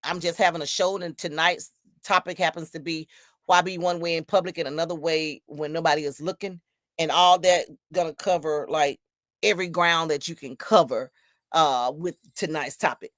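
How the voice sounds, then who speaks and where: Woman in her fifties, low voice, dry close sound, emphatic solo podcast talk. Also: fairly even intonation, moderate pace, fairly bright tone, dry recording. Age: 50s. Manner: emphatic, preachy storytelling with repetitions. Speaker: podcast host. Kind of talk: solo podcast talk reading viewer comments.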